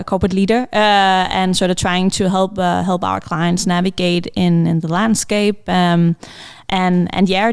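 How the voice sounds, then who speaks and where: A woman's voice: on the low side, darkish tone, smooth. A woman in her thirties speaking as a podcast panel guest, thoughtful and full of fillers as she explains her work. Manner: thoughtful, many fillers and restarts. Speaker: panel guest, brand strategist. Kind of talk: conversational podcast answer.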